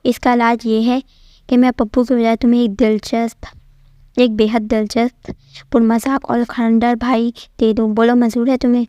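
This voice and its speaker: Woman doing a bearded old dwarf who preaches, scolding with sayings; her slightly high, flat, steady voice carries him in a dry, close storybook reading. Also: dry recording, muffled recording, lightly acted. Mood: lecturing. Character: bearded old male dwarf sage, lecturing. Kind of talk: storytelling narration.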